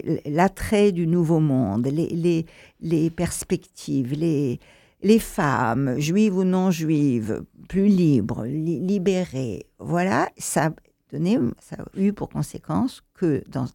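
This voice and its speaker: A woman's voice: sits low, expressive, takes it slowly, vocal fry, dark tone, dry recording, studio quality. A woman introducing songs as a presenter, talking hesitantly with many fillers and restarts. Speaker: presenter of a show.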